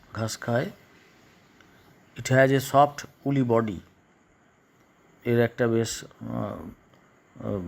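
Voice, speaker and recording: Male teacher, slow and halting. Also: mid-range voice, gravelly, darkish tone. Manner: slow, halting, repeats and translates each phrase. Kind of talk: class lesson explaining English in Bengali.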